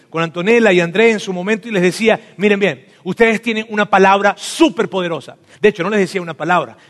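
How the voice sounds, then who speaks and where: A man preaching to parents, animated and often acting out talks with his children, repeating words for emphasis. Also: sits high. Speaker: pastor. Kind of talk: sermon to parents. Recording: long echo of a hall.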